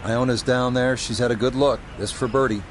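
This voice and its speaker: A man giving golf commentary as a lead play-by-play announcer, with measured, descriptive delivery. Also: mid-range voice, fairly even intonation. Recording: outdoor crowd and ambient noise behind. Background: crowd and outdoor ambience.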